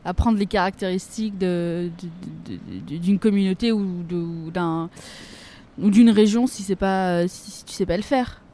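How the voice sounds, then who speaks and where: A woman's voice: fairly low pitch, a little slow, dark tone. A woman co-hosting a film review show, chatting casually and explaining her point step by step. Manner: explaining, frequent "tu vois". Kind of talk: casual chat.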